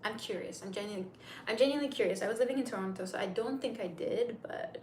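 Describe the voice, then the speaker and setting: Quick-paced and a little mellow, her mid-range voice fills an echoey room with faint noise. This 30-year-old Turkish host, a native Turkish speaker, is on a casual English-language livestream, answering viewers in a chatty, rambling way.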